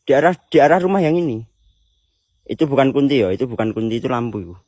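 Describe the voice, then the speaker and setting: A young man hosting a ghost-hunting vlog at an abandoned villa at night, talking in a hushed, low voice as he calls out to spirits. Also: lively intonation, fast, no echo, studio quality. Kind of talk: live ghost-hunt exploration vlog. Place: abandoned villa at night, outdoors among crickets.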